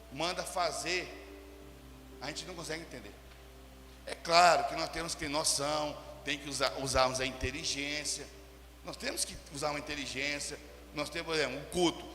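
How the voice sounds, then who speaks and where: A man preaching emphatically, his high, bright voice edged with gravel. He swings from loud declarations to quiet asides. The sound rings out with a long reverb in a church hall. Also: slight background noise. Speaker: pastor. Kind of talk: sermon.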